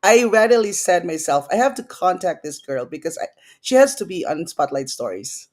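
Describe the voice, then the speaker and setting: A woman's voice: fairly low pitch, sing-song, normal speed. Woman host, upbeat and effusive, interviewing a guest. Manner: enthusiastic, effusive. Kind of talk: online interview.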